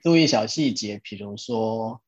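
A man in a relaxed podcast conversation talks through a book's ideas step by step, patient and steady. His voice sounds a little husky. The recording is dry and slightly dull. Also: on the low side, measured pace, no echo. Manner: patient, steady, repeats key points. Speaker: podcast host. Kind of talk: explaining a self-help book in casual chat.

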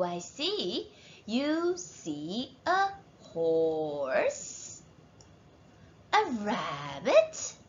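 A woman's voice: high voice, bright, forceful tone, dull audio. A woman teacher reading a storybook aloud to children, encouraging them and asking questions.

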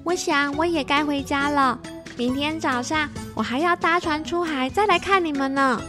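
A woman voicing a cheerful, eager little girl in a children's storybook, talking brightly and exclaiming often. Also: high voice, moderate pace, music in the background, pitched above the performer's own voice, natural voice. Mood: sweet chatty.

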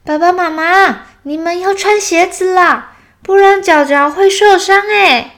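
A woman voicing a mischievous little boy bear cub in a children's story, in a whiny, childlike way. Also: a little slow. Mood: alarmed. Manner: whiny, high childlike pleading.

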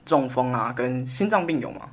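A woman with a Taiwanese Mandarin accent, co-hosting a casual chat and telling a story with lively impressions. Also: normal speed. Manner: animated storyteller, acts out her mother in a high voice. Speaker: podcast co-host.

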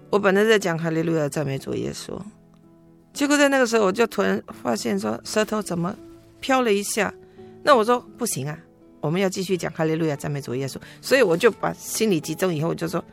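A middle-aged woman, appearing as an interview guest, earnestly shares her testimony of faith. She is emotional and halting, often starting over, and her voice sits on the low side with vocal fry.

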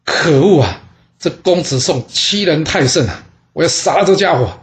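A man's voice: a little high, lively intonation, normal speed, voice pushed up, natural voice. A man voicing a mocking, arrogant ancient male ruler in a spoken history tale. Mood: furious. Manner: taunting, then furious.

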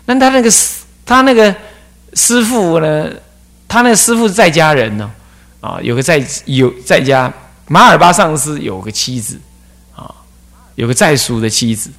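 Animated abbot. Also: male voice, a little high, moderate pace. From Taiwan. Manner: animated storytelling with rhetorical questions. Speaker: abbot and dharma teacher. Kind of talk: Buddhist dharma talk.

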